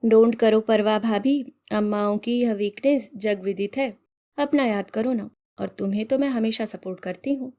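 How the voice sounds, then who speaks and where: A woman's voice: a little high, normal speed, dark tone, natural voice. A woman voicing a witty, cheeky young sister-in-law in playful banter. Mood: teasing.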